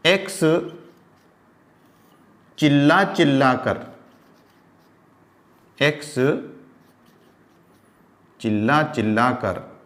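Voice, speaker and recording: A man's voice: mid-range voice, a bit bright. A male teacher gives a lecture. He asks questions and answers them himself, repeats himself and spells words out as he writes. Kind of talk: classroom lecture.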